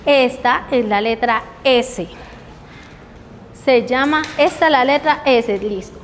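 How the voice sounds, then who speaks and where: A woman leads a teacher training session, slowly modeling letter sounds and asking the group check questions. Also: high-pitched. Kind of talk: training workshop lecture. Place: training room. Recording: reverberant hall with faint background noise.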